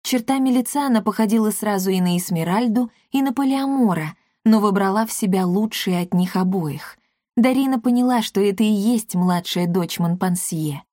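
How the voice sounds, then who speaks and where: A woman's voice: mid-range voice, normal speed, no room sound. Woman reading a fairy tale, dry sound. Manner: even, storytelling narration. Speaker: narrator.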